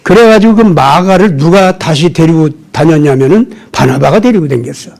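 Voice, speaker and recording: A man's voice: fairly high pitch, animated, normal speed, creaky, darkish tone. A middle-aged male pastor giving a sermon in a conversational, storytelling manner, full of rhetorical questions.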